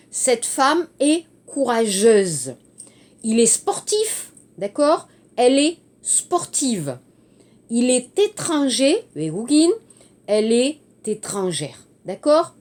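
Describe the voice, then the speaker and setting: Slow, lively-voiced teacher woman. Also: sits high. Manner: slow, spelling out words and switching into Korean glosses. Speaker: French teacher. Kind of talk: online language lesson, correcting exercises.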